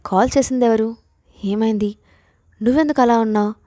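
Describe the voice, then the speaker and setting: A woman's voice: a little high, steady tone, a little fast, mellow, no room sound, studio quality, natural voice. A woman voicing a caring young college friend in an audio story, asking curious, concerned questions.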